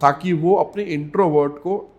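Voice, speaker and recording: A man acting as a communication coach in a podcast interview speaks in a measured, emphatic way, repeating key words and slipping English phrases into his Hindi. His voice is fairly high with a darkish tone, and the sound is lo-fi.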